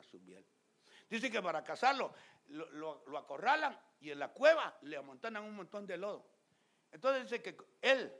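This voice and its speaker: A man preaching a fiery sermon as pastor. He talks straight to the congregation, gets loud and emphatic, and acts out scenes in other voices. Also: fairly high pitch. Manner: loud and emphatic, often shouting.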